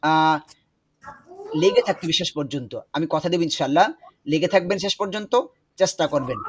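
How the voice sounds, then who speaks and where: A man teaching Quran pronunciation in an online class over a video call, explaining slowly and repeating words to drill them. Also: fairly high pitch, slight background noise.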